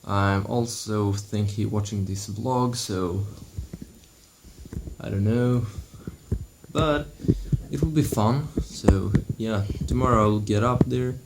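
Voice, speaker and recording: Slow, low-voiced young man vlogging at home. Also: vocal fry, background noise. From Sweden. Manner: slow and halting, with many restarts. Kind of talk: casual vlog. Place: at home indoors.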